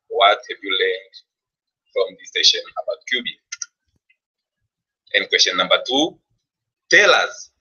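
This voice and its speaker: Husky, bright-toned man presenting. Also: mid-range voice. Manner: earnest, rephrasing himself often. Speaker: workshop presenter. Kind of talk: wrapping up a teacher training session. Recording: dull lo-fi classroom recording.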